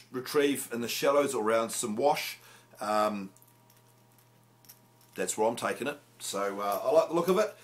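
Low-voiced New man, chatty. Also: a bit bright. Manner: chatty and jokey, many filler "uh"s. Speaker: fishing show host. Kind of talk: casual product review. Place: small indoor room with fishing rods. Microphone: camera close up at arm's length.

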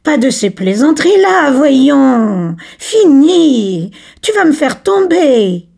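Woman reading a timid, showy young man; husky, high and mocking, nervous bravado. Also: normal speed, a little mellow. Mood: giggling protest. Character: timid boastful young male clerk.

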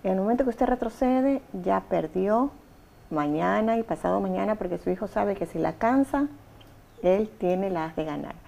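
Gravelly-voiced woman host. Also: mid-range voice, expressive, normal speed, mellow, highs cut off. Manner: emphatic, direct instructions to mothers. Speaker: talk show host and therapist. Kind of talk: advice talk show.

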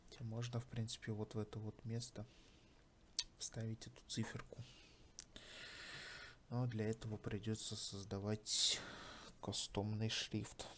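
A man with a lowish voice gives a casual tutorial, thinking aloud as he works. His delivery is unhurried and quite monotone. There is faint noise with keyboard clicks behind him. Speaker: tutorial host.

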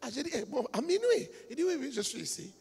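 A man preaching a sermon as a pastor, telling a story quietly and then building up to shouted, half-sung exhortation. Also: very high voice, very animated, quick pace, gravelly. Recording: reverberant hall with music behind.

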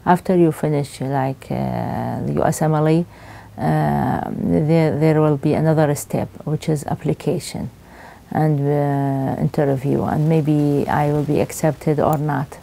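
A woman's voice: sits low, fairly even intonation, unhurried, vocal fry, warm tone. A middle-aged woman from Iraq with an Iraqi accent, speaking hesitantly with many fillers in a documentary interview. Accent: Iraqi Arabic. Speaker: refugee doctor interviewee. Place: indoor room with window.

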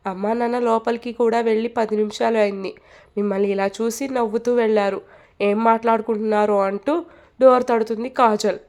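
A woman's voice: a little high, steady tone, brisk, a little mellow. A woman narrating a romance story aloud, reading all the characters' lines herself with light acting. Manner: reads all parts, lightly acting dialogue.

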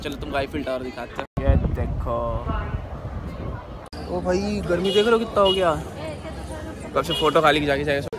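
A man's voice: fairly high pitch, moderate pace, pauses often. Chatty young man vlogging on a phone. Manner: chatty, loose and informal, addressing viewers directly. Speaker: travel vlogger. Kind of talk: casual vlog narration. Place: outdoors at a hilltop temple and viewpoint, also indoors in a hotel and a mall. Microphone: phone camera at arm's length. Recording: loud outdoor noise behind the voice.

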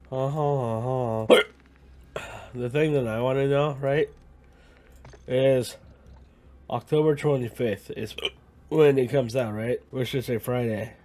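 A man's voice: mid-range voice, a little mellow. A young man with a drippy nose from being sick, chatting and laughing often over voice chat while gaming, talking into a headset. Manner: laughs often, slow and drawling. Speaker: gaming channel host. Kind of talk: casual game-chat banter.

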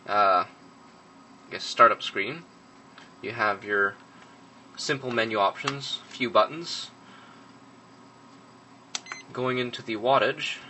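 A man's voice: lowish voice, sharp tone, slight background noise, low-quality recording. A young man giving a casual hands-on review of a gadget at a workbench, matter-of-fact, with frequent ums and uhs. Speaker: product reviewer.

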